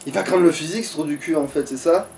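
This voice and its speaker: A man with a high-ish, darkish voice and vocal fry talks fast while playing a video game with a friend. He's a let's player at the controls, grumbling and swearing through casual commentary alongside his co-player. There's a little hiss or hum on the recording.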